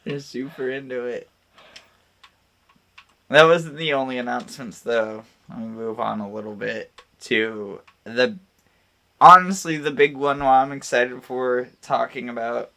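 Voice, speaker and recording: A man co-hosting a gaming podcast in casual chat, animated and laughing often. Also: medium pitch, measured pace, creaky. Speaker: podcast co-host.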